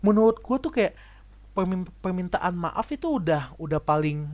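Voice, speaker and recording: A man's voice: sits high, expressive, moderate pace, a little mellow. Slangy young man rambling to camera. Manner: rambling, slangy, acts out quoted people; repeats and restarts words a lot. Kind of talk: casual monologue vlog.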